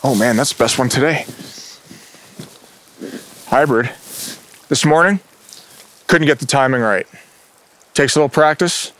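A man's voice: mid-range voice, unhurried, long pauses, a bit bright. A man hosting a fishing show outdoors on a river, exclaiming, laughing and giving casting tips as he fishes. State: out of breath at times. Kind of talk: excited on-the-water fishing commentary.

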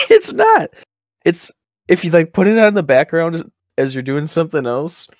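A man's voice: a little high, wildly swooping pitch, normal speed, no echo, studio quality. A young man in casual, sweary, joking banter while playing a video game.

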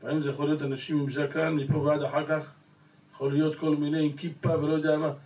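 A male rabbi giving a Torah lesson, pressing his listeners with rhetorical questions and calling them gentlemen. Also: on the high side, flat delivery. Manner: addresses the audience as gentlemen. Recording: roomy echo, voice from a distance.

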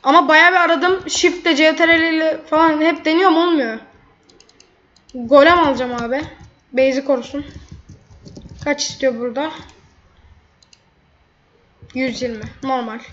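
Woman gamer, high voice, running play-by-play commentary, quick to vent; dull lo-fi recording. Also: steady tone, a bit bright, slight background noise. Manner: chatty, blurts out frustration at opponents. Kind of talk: live gameplay commentary. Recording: dull lo-fi mic.

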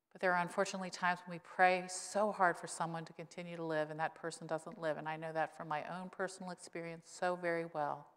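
Speaking from the pulpit microphone of a church, this pastor in her sixties gives a sermon that is conversational and laced with wry humor. Her tone is fairly bright and clean, though she notes her voice has dropped lower since being ill. The sanctuary lends a long reverb.

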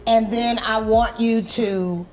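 A middle-aged woman talks a first-timer through a whiskey tasting, step by step and measured. Her voice sits a little high, and she is clipped to a lapel mic in a restaurant bar. Faint music runs underneath. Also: fairly even intonation. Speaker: whiskey brand representative. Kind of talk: guided tasting talk. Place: upscale restaurant bar indoors.

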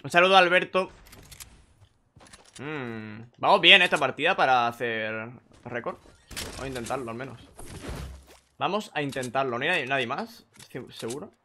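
Young man, streaming a game, bright tense voice, excitable, faint gunfire behind. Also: medium pitch, normal speed, long pauses, slight background noise. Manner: excitable, swings from muttering to shouting. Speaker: gaming streamer. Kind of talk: live gameplay commentary.

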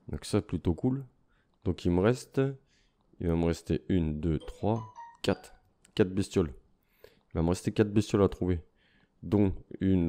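A man's voice: deep voice, warm tone. A man giving casual let's-play commentary, chatting to viewers and taunting enemies as he plays. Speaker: gaming youtuber.

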